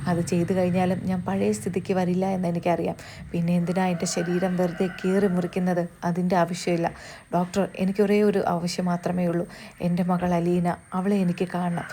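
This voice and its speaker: A woman voicing a dying elderly father who speaks softly and with resignation. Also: fairly low pitch, little pitch movement, fairly quick, noisy background, natural voice. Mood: resigned. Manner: soft, pleading, resigned.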